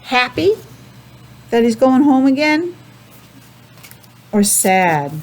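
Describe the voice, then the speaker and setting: Speaking slowly in a high voice, a woman teacher reads a picture book to young children. She's animated, breaking in with chatty asides and simple questions directed at the little ones.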